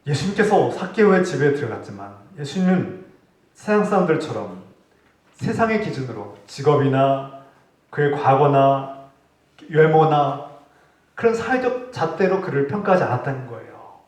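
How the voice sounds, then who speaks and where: Preaching pastor in an echoey church. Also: male voice, on the high side, very animated, moderate pace. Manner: earnest preaching, voice rising for acted rebukes, dropping for quiet points. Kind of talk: sermon. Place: church sanctuary. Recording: echoey hall, distant mic.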